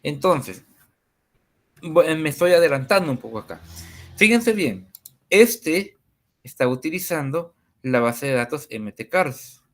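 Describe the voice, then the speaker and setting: Slow, hesitant male coding tutor. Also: fairly high pitch, expressive. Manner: slow and hesitant, many fillers. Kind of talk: screen-share coding tutorial.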